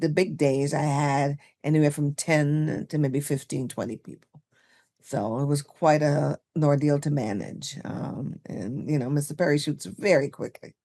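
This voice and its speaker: A woman in her sixties, originally from Barbados, telling stories as a guest in a podcast interview, chatty and animated, with fillers and laughs. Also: low-pitched. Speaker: guest, makeup artist.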